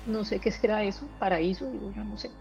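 A woman's voice: medium pitch, gravelly, a little mellow, rough recording. A woman, telling personal experiences in a casual interview, earnest and emotional. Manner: earnest, emotional, halting storytelling. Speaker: guest sharing personal experiences.

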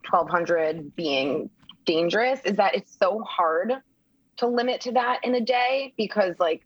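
A woman's voice: mid-range voice, measured pace, slightly rough, no room sound. A woman co-hosting a podcast in casual conversation, earnest and rambling with lots of fillers. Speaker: podcast co-host. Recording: dry, dull lo-fi sound.

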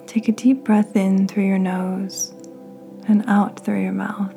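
A woman hosting a podcast, leading a guided meditation in a soft, half-whispered, soothing voice. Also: mid-range voice, little pitch movement, takes it slowly, gravelly, soft background music. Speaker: podcast host.

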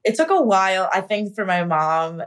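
A young American actor shares her personal story in an interview monologue, very animated, with a medium-pitched voice at a moderate pace. She stays candid and reflective throughout, using lots of casual fillers.

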